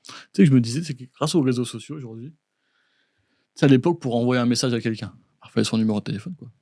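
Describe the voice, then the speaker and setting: A man's voice: medium pitch, quick pace, dark tone, no echo. A man co-hosting a podcast in casual chat, upbeat and encouraging, full of tag words. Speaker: podcast co-host. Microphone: studio podcast mic. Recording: dry close podcast studio sound.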